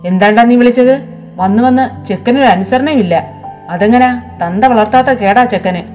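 A woman voicing a grumpy old man who scolds and complains, in a storybook reading with soft music behind. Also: on the high side, normal speed, voice pushed up, close to an everyday voice. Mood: irritated. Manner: gruff, complaining.

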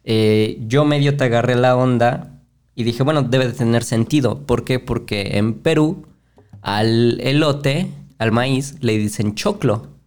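A man's voice: medium pitch, measured pace, a little mellow, clean tone. Joking man with a Veracruz accent. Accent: Mexican, Veracruz. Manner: joking, slangy banter. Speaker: podcast co-host. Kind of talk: casual chat.

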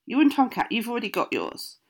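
A woman's voice: fairly high pitch, wildly swooping pitch, brisk, voice pushed up. A woman voicing an old country woman baker who gives firm, emphatic orders in a storybook. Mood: insistent. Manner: bossy, emphatic instructions.

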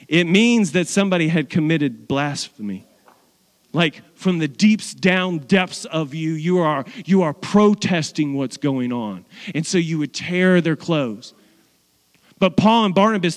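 A man with a high voice preaches a sermon in an unhurried, deliberate way. He acts out biblical characters in playful voices, and his words ring in the long reverb of a church hall. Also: expressive. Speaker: pastor.

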